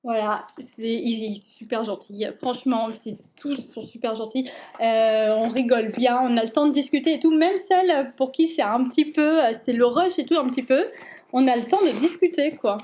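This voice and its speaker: A young woman with a notably high voice talks to her viewers in a loose, excited way. She keeps tripping over fillers and restarting her sentences as she gushes. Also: normal speed. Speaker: book vlogger. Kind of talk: casual chat.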